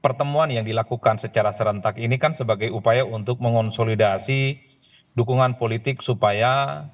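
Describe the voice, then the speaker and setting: A man's voice: medium pitch, moderate pace. A man speaking as a political analyst guest in a live news interview, in long flowing analytical sentences over a remote link. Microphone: remote video call link.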